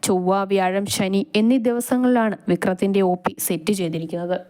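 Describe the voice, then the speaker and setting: A woman narrating a romantic short story in a steady, expressive reading. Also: medium pitch, brisk, poor audio.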